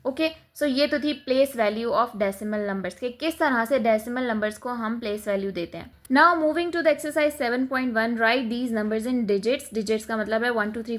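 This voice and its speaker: A woman's voice: fairly high pitch, a bit bright. A woman math teacher, explaining a lesson step by step in a patient classroom manner, mixing English terms in. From Pakistan.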